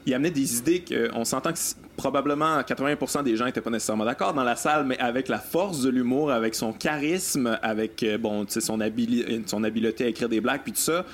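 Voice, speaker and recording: A man hosting a podcast, talking in a relaxed conversational way. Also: medium pitch, fast talker, few pauses, slight background noise. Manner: relaxed, conversational, frequent "ouais". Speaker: podcast host. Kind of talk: casual conversation.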